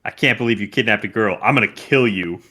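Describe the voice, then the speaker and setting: A man's voice: fairly low pitch, quick pace, pushed and bright. A man playing a tabletop game who talks in a blunt, joking way. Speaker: player. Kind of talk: casual tabletop play.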